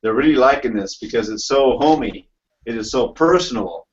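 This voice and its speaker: A man's voice: mid-range voice, moderate pace, dull audio, noisy background. Male guest heard from a distance. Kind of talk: casual chat.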